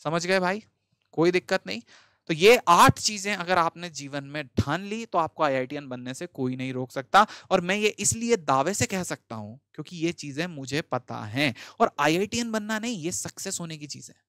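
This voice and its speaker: A man's voice: a little high, animated, normal speed, a bit bright, dry recording, studio quality. A man, an online teacher giving a motivational talk to exam students in a direct, scolding but friendly way, repeating points for emphasis.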